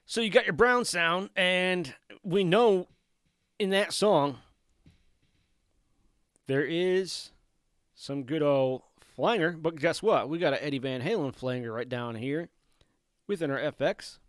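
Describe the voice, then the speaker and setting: A man's voice: fairly high pitch, takes it slowly, long pauses, a bit bright, no echo. A man hosting a guitar lesson, talking casually and thinking aloud as he adjusts settings, joking at his own playing. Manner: self-deprecating, thinks aloud while tweaking settings. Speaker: guitar tutorial host. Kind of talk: casual hands-on demo talk.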